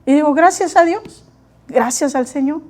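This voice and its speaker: A woman preaching a sermon, lively, acting out her own inner voice, her eyes watering from allergies. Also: high-pitched, moderate pace. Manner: animated, acts out her own inner dialogue.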